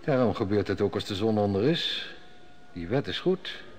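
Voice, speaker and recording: In a 1960s radio drama, a man plays a sly, cynical royal steward who drinks heavily and schemes at court, with a sardonic, mocking manner and scheming mood. His lowish voice is animated and close to an everyday sound, at a moderate pace.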